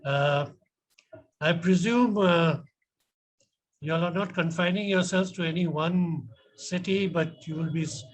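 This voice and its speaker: Polished Indian man, hesitant and measured. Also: fairly high pitch, low-quality recording. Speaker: competition judge. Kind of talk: spoken feedback and questioning.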